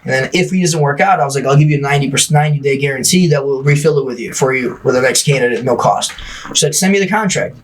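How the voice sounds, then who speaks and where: Fast-talking man telling his story. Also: mid-range voice, recorded from a distance. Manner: fast, animated, acts out dialogue, swears casually. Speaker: podcast guest, gym owner. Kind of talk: casual storytelling interview.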